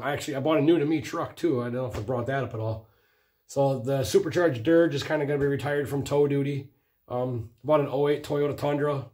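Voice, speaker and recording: A hoarse man casually rambling about his motorcycle project in his garage, swearing freely. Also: mid-range voice, darkish tone. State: hoarse from a cough. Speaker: motorcycle racing vlogger. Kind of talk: casual chat. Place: home garage workshop.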